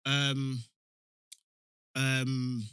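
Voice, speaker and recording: A young man with a London roadman accent chats casually and slangily, giving animated opinions like a podcast co-host. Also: medium pitch, very slow, clear, resonant tone, no room sound, clean studio sound. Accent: London roadman, multicultural London slang. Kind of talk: casual chat.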